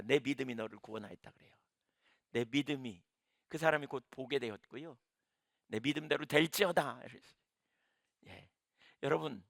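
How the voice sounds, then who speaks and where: A man's voice: on the high side, creaky, sharp tone, dry recording, studio quality. A middle-aged man preaching a sermon as pastor, acting out the words of biblical figures as he tells their stories.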